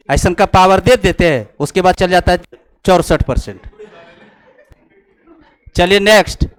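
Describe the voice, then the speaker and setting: Slow, high-voiced math teacher. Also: male voice. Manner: slow, teasing, mixing Hindi and English, chuckling asides. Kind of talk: classroom lecture. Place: coaching classroom.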